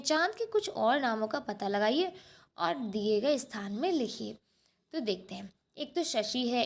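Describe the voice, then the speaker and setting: A woman with a high, slightly bright voice walks a class through a textbook lesson. She explains each point step by step, repeats the answers, and keeps posing short rhetorical questions.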